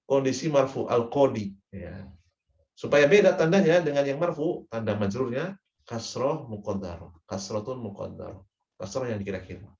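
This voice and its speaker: A man giving a patient grammar lesson, going over each term several times and pausing to check that it has landed. His voice sits in an echoey room and comes through a dull, lo-fi recording with the highs rolled off. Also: darkish tone. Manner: patient, repeats terms and checks with frequent "ya". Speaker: Arabic grammar teacher. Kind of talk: classroom lecture.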